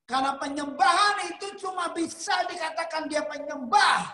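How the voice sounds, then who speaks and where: A man preaching a sermon, telling a personal story and rising to emphatic near-shouts, with English words slipped into his talk. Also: extremely high pitch, moderate pace. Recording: roomy echo.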